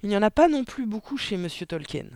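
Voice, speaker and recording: A man voicing a clever, polite little girl pupil in an audiobook, earnest and matter-of-fact, raising his pitch for her. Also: very animated, fast, a little mellow, no room sound, clean studio sound. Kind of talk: audiobook character voice.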